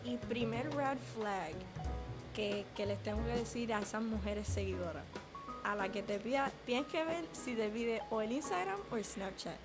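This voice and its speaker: A woman's voice: a little high, normal speed, music in the background. A young woman chatting candidly as a podcast co-host in Spanglish, slipping between Spanish and English with slang and swearing. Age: young adult. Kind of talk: casual storytelling chat.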